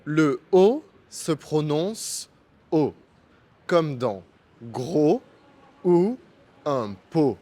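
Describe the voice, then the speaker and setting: A man teaching pronunciation in a slow, scripted lesson, articulating each sound with care. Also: a little high, a little mellow. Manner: careful, deliberate articulation. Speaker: French teacher.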